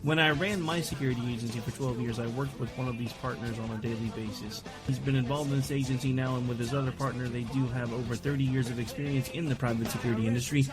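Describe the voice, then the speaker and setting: A man's voice: mid-range voice, fairly even intonation, fast, few pauses, rough recording. A man giving a personal endorsement read as a radio host. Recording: music bed under voice. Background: instrumental music.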